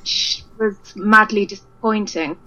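A woman's voice: medium pitch, steady tone, a little slow, sharp tone. A woman speaking as a guest over a phone line that fades in and out, chatty and frank, laughing easily. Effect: dull phone line that fades in and out. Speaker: musician guest. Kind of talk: phone interview. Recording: muffled phone call.

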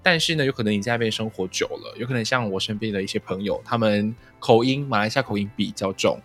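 A man's voice: on the low side, fast, fairly bright tone. Man with a Taiwanese accent, music behind. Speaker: podcast host. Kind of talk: casual conversational interview.

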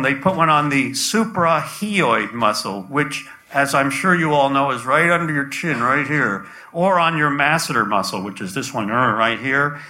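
Older man, low-quality echoey live recording. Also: pushed and bright. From United States. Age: 60s. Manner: conversational and playful, with audience asides. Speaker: storyteller. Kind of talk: live storytelling to an audience. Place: stage before a live audience.

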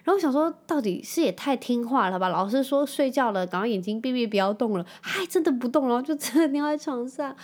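A woman's voice: sits high, animated, fast talker, hardly any pauses, a little mellow. A woman in her thirties with a Taiwanese Mandarin accent, hosting a casual storytelling chat and dropping English words into her talk. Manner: chatty, drops English words into speech. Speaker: podcast host.

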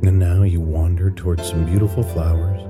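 A man narrating a guided relaxation in a slow, soothing sleep-story manner. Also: deep voice, flat delivery. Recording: loud new-age guitar music bed. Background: new-age guitar music.

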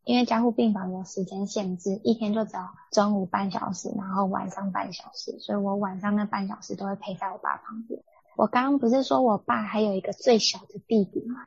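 A young woman co-hosting a podcast, telling a family story in an animated, indignant way. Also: medium pitch, fairly quick, creaky, husky, dry recording. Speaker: podcast co-host. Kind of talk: casual storytelling chat. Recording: dull lo-fi dry sound.

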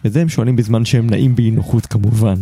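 A man hosting a podcast, reading a scripted intro in a measured, explanatory way and chatting casually with his guest. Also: fairly low pitch, steady tone, mellow, breathy edge, faint music behind. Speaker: podcast host.

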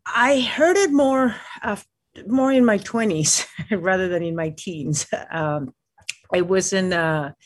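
A woman from Peru, a mountaineer guest in an interview, speaking in a halting way with many fillers and restarts. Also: medium pitch, dry recording. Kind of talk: casual interview talk.

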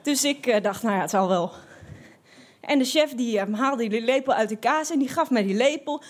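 A woman telling a personal anecdote in a lively, expressive way, with frequent fillers and restarts. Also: fairly high pitch, normal speed. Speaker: storyteller.

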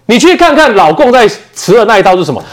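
A man's voice: high-pitched, very animated. A man with a Taiwanese Mandarin accent arguing as a political commentator on a talk show, firing off rhetorical questions. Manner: fast, emphatic, rhetorical questions.

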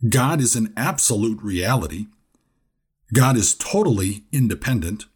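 Husky man teaching a Bible lesson. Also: on the low side, animated, measured pace. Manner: earnest, explanatory, repeats key points.

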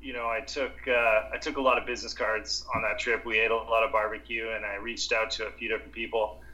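A man with a low, bright, forceful voice tells his story as a podcast guest. He speaks in a flat, even tone and stumbles over restarts and repeated words as he goes. He sounds like a restaurant owner in his thirties. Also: fast talker, poor audio. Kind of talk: casual interview storytelling.

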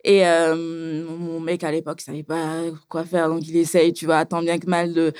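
A woman as an interview guest, telling her own story in casual conversation, animated and hesitant, often repeating herself. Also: sits low, normal speed, smooth. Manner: animated, hesitant with frequent fillers and repetitions.

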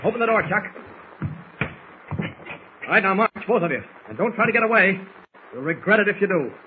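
An actor playing a firm, commanding government agent hero, in 1940s radio acting style. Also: male voice, sits high, sing-song, brisk. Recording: dull noisy old radio recording.

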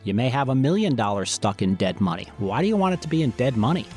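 A man's voice: medium pitch, sing-song, fast, darkish tone, soft background music. A man hosting a financial talk show, speaking off the cuff and addressing listeners directly and emphatically. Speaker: financial radio show host. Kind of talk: unscripted advisory sales talk.

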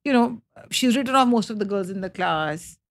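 A woman's voice: medium pitch, expressive, normal speed, dry recording. A middle-aged woman, co-hosting a casual chat about films and acting out quotes and sounds. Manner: chatty, acts out quotes and sounds. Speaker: co-host.

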